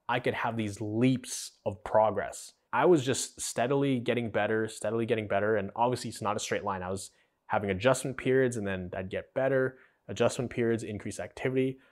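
A young man hosting a podcast, telling his own story in an earnest, conversational way and acting out the dialogue. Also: medium pitch. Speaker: podcast host. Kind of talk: personal storytelling.

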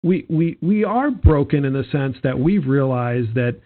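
A man's voice: mid-range voice, animated, a little slow. A man co-hosting a casual chat podcast, rambling and joking, often restarting his sentences. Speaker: podcast co-host. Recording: tinny phone-like sound.

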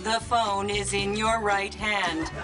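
A woman voicing a patient, polite smart speaker assistant in a comedy ad, deadpan. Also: medium pitch, slow, natural voice. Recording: loud audience and music behind.

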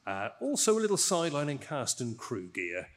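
A man in his fifties, a guest on a live podcast, speaking in a warm, reminiscing and measured way. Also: medium pitch, huge pitch swings. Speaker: guest collector.

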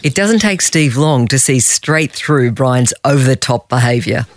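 A man's voice: mid-range voice, lively intonation, unhurried, slight background noise. A man presenting a documentary segment, narrating in a light, upbeat way. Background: music.

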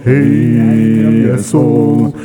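A male podcast host chanting drawn-out, half-sung calls through a mic with heavy reverb and delay, like an echo chamber. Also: on the low side, steady tone, warm tone, faint music behind. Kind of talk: casual chat.

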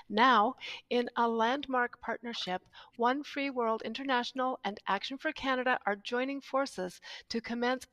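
A woman host giving a formal, measured guest introduction. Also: fairly high pitch, a bit bright, no room sound.

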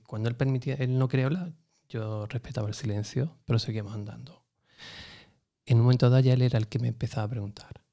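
Guy from telling his story, earnest and lively, mellow warm voice. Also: mid-range voice. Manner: earnest, lively, acts out dialogue. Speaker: interview guest. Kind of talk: animated personal storytelling.

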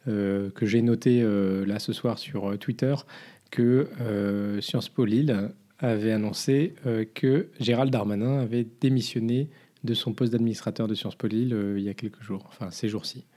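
Male podcast co-host with a mellow, dark voice, chatting loosely about the news and pausing often to search for words. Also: lowish voice, fairly even intonation. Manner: hesitant, many filler sounds. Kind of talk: casual news commentary.

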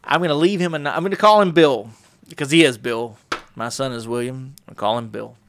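A middle-aged podcast host tells a personal story alone on his show, rambling casually, correcting himself, and restarting with many fillers, in a warm storytelling manner. His voice is medium-pitched and brisk, with a little hiss or hum in the background.

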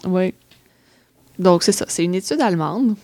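A woman's voice: lowish voice, lively intonation, moderate pace, darkish tone, no echo. A woman with a Québécois French accent explaining facts in a casual chat, hesitant, with many fillers.

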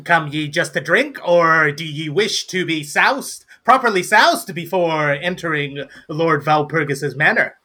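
A man's voice: a little high, lively intonation, unhurried, hardly any pauses, sharp tone, exaggerated voice. A man voicing a pompous gnome barkeep who sells his drinks in grand, old-fashioned phrases. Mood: grandiose. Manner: archaic, theatrical, grandiose. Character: pompous male gnome barkeep, showy salesman.

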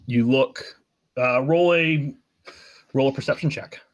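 A man narrating as game master, describing scenes in a halting way with fillers. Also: medium pitch, no echo, dull audio.

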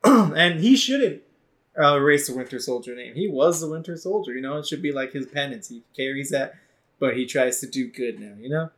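A man's voice: mid-range voice, expressive, brisk, a bit bright. A man co-hosting a casual podcast, laughing often and swearing freely as he talks. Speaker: podcast co-host. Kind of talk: casual chat.

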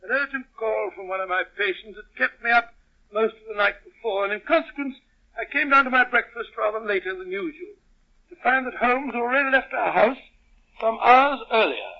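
A genial, excitable old doctor tells the tale in a high, fussy voice. He flusters easily but stays warm-hearted. It sounds like a dull old radio broadcast. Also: normal speed. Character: genial, excitable older male doctor narrator. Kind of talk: 1940s radio acting.

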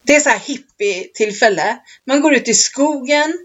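A woman's voice: high voice, expressive, fairly bright tone. A woman co-hosting a podcast in casual chat, rambling through stories and laughing often. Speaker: podcast co-host. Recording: dull lo-fi recording.

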